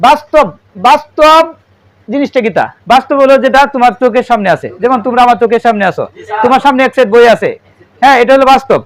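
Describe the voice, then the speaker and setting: A man's voice: very high voice, very fast. A male math teacher with a Bangladeshi Bengali accent, giving a classroom lesson and quizzing his pupils, repeating their answers back.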